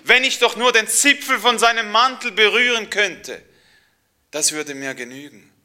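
A man speaking in the first person as a frail woman who has long been ill and longs to be healed, pleading and swinging from loud to hushed. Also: medium pitch, lively intonation, normal speed, exaggerated voice.

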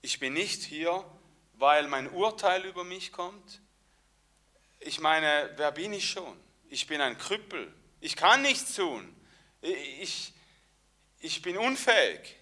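A man preacher voicing a humble crippled man who speaks quietly and hesitantly, unsure of himself. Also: on the high side, sing-song, takes it slowly, heavily acted. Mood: humbled.

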